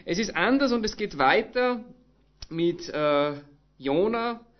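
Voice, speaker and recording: A man's voice: high voice, expressive, slow, muffled recording. A man with an Austrian accent preaching a sermon, retelling a story with acted-out dialogue and casual dialect words. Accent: Austrian German.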